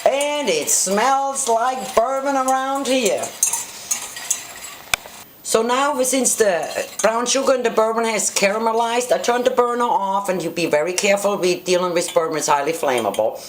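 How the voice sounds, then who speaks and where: A woman's voice: a little high, moderate pace, roomy sound, a little hiss or hum. A woman from Germany with a German accent, explaining a cooking recipe step by step with small grammar slips. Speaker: home cook. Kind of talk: cooking demonstration. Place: home kitchen.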